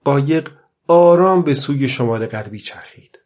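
A man giving a calm, measured scripted narration of a novel as an audiobook. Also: mid-range voice.

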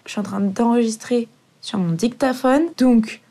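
A woman's voice: a little high, moderate pace, mellow. A young woman hosting her solo podcast, chatting in a rambling, self-mocking way with casual swearing and English slang, recorded in bed on a phone dictaphone propped on a laundry basket. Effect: recorded on a phone's dictaphone app. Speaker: podcast host. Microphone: phone lying on a laundry basket.

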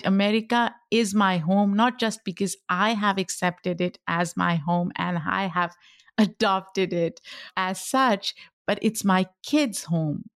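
Recorded dry and at studio quality, a middle-aged woman speaks in a voice on the low side. Pashto is her first language and she carries a Pakistani accent as she looks back thoughtfully on her life during a podcast interview.

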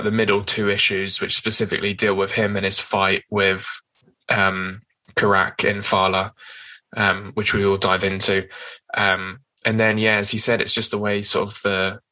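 Bright-toned man chatting. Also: on the low side, rough recording. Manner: chatty, with many fillers and hedges. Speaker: podcast co-host. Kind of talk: casual discussion of comics.

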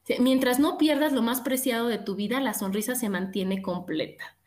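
A middle-aged woman with a Mexican accent, telling stories in an animated, expressive casual chat. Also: on the high side, moderate pace. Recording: echoey room.

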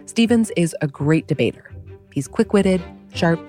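Woman host, slightly low, mellow voice, wry scripted history narration over faint music. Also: animated, unhurried. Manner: wry, conversational storytelling. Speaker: podcast host.

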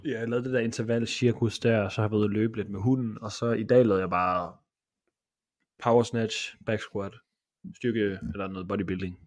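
A man's voice: lowish voice, steady tone, dry recording, studio quality. A man co-hosting a fitness podcast, telling rambling anecdotes and swearing casually. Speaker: podcast co-host. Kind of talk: casual chat.

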